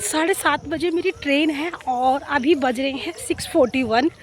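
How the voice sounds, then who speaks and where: This casual vlog features a young Bihari woman from India, her voice high and her pace normal. She strolls an outdoor village road, repeats words while thinking, and at times gets out of breath.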